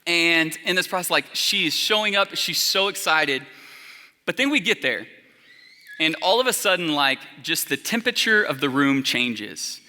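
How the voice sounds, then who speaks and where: A young man preaching to his church in a relaxed, storytelling way, leaning on filler words. His voice sits high and sounds very bright. The sound carries a long reverb from the church hall. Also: moderate pace. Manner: casual storytelling, many fillers. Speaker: college pastor. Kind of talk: sermon. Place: church auditorium.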